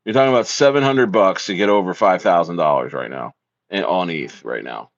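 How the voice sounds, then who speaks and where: A man's voice: deep voice, a little fast, no echo. Hyped streamer guy, dull lo-fi sound. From South Jersey, USA. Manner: hyped, repetitive slangy talk with lots of "bro". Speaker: livestream host. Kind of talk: casual livestream chat reading viewer comments. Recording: dull lo-fi dry audio.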